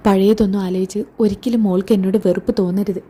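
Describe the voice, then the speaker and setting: A woman's voice: mid-range voice, fairly even intonation, quick pace, dark tone, slightly rough, natural voice. A woman voicing a remorseful older mother-in-law who speaks tenderly. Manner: tender, pleading.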